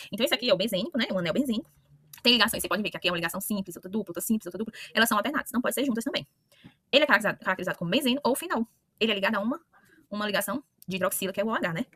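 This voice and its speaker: A woman teaching chemistry talks very quickly in a bright, sharp voice. She keeps checking in with her students and restarting her sentences. The sound is dry and close, with no room around her. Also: on the high side, no room sound. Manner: talks to students directly with frequent questioning "né?" and self-corrections. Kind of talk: online lesson explaining to students.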